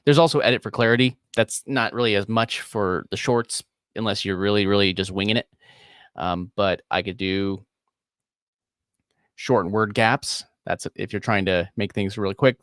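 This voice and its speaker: Low-voiced man hosting a live editing tutorial. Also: fairly even intonation, normal speed, a bit bright, smooth, no room sound, studio quality. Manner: casual, rambling, chuckles often. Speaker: host.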